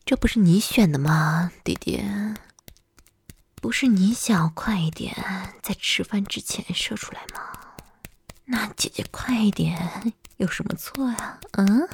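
A woman's voice: mid-range voice, measured pace, creaky, slightly rough. A woman performing a whispered ASMR roleplay in a teasing, domineering manner.

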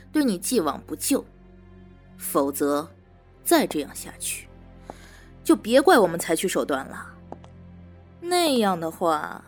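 A woman playing a smug, mocking prison warden. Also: on the high side. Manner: teasing, drawn-out, smug. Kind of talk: audio drama acting.

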